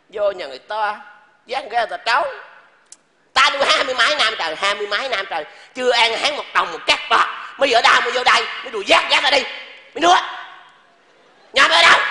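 A very high, piercing voice of a stern old father, acted by a man in a live stage comedy sketch. He barks orders and mocks quickly, and the sound rings in a long hall reverb with a faint hiss behind it. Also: animated, pushed and bright, heavily acted. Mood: mocking. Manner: bossy, barking orders, mocking. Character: stern hot-tempered old village father, male. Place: large theater stage.

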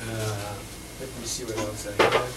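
An Egyptian musician and lecturer with a lowish, unhurried voice and little pitch movement patiently explains instruments as he handles them in a room full of them, then answers interview questions about his life in an office with bookshelves. The old videotape recording is distant and hissy.

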